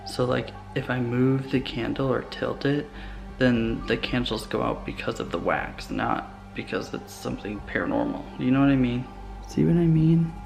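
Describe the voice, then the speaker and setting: A young adult man with a gravelly voice telling stories in a casual, hesitant, rambling vlog style, recorded inside a house. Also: medium pitch, normal speed, darkish tone. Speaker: vlogger. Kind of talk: casual vlog storytelling to camera. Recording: music bed under the voice. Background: background music.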